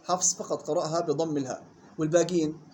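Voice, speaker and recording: A man leads a recitation class, his voice set fairly high for a man. He explains at a rapid clip, slowing right down to read rules and drill single syllables. A faint hum sits behind him. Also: steady tone, darkish tone. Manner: reads rule text slowly, then explains in quick colloquial talk; drills syllables slowly and questions students. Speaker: Quran recitation teacher. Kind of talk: classroom lesson explaining a text.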